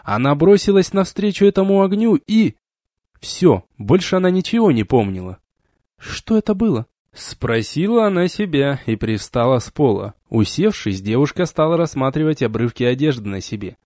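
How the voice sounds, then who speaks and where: Animated male audiobook narrator. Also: on the high side, moderate pace, no echo, studio quality. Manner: expressive, animated storytelling. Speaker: audiobook reader.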